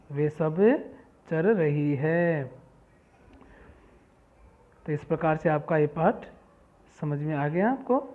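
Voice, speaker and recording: A man teaching a school Sanskrit lesson in Hindi, reading each word and its meaning and repeating it back as a question. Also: fairly high pitch. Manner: reads terms slowly one by one. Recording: tinny phone-like sound.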